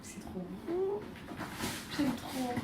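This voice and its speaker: Lively woman chatting over clear noise. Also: extremely high pitch, extremely slow. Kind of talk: casual chat.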